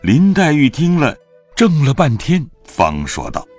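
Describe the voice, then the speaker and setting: Slow, expressive male storyteller. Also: a little high, slightly rough, soft background music. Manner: slow, expressive, dramatic reading. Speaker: narrator. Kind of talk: storytelling narration of a classic novel.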